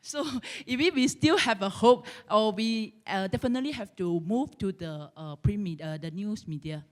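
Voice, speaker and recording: A woman from Malaysia asks a halting question from the audience, searching for her words. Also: mid-range voice. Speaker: audience member asking a question. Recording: reverberant conference hall.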